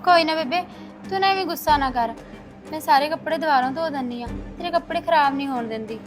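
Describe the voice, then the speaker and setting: A woman's voice: high voice, fast, over music, natural voice. Young woman playing a meek dutiful stepdaughter. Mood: pleading. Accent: Punjabi. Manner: soft, pleading, obliging.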